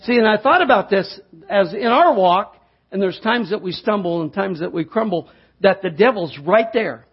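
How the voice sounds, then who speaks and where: Husky folksy preacher, man. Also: high-pitched, lively intonation, normal speed. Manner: folksy storytelling, rising to fervent preaching. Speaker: pastor. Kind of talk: sermon. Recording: dull lo-fi sound.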